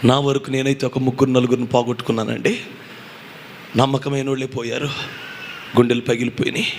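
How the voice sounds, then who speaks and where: A male pastor preaching a fasting prayer sermon with great passion, swinging between loud calls and hushed pleading and firing off rhetorical questions. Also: medium pitch, little pitch movement. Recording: echoey hall with faint ambient noise.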